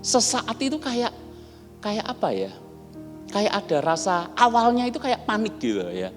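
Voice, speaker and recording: Male pastor, storytelling sermon, lively swooping pitch, long hall reverb. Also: moderate pace. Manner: chatty, animated, acts out dialogue. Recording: long reverb, soft music behind.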